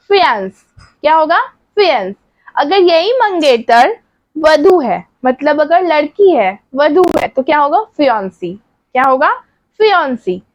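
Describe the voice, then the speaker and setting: A woman teaching English words, asking what each word is called and then repeating the answer slowly. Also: high voice. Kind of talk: vocabulary lesson.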